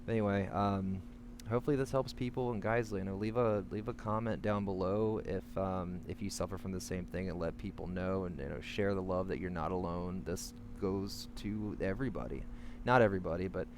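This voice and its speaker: A man talking candidly to camera with advice while in an anxious, panicky state, halting and rambling as he corrects himself. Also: deep voice, steady tone. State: in the midst of a panic attack, anxious. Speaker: vlogger sharing panic attack coping advice. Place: outdoors. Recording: clearly noisy, humming background.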